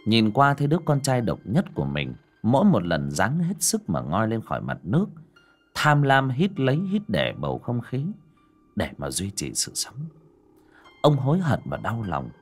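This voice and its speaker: A man narrating a dramatic audiobook story, swinging between loud and hushed delivery. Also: medium pitch, huge pitch swings, normal speed, breathy edge, faint music behind.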